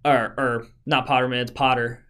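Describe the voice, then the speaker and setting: A man's voice: medium pitch, a bit bright. Young male podcast host from Arizona, casual and chatty, stumbles and restarts a lot. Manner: halting, stumbles over words. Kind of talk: casual chat.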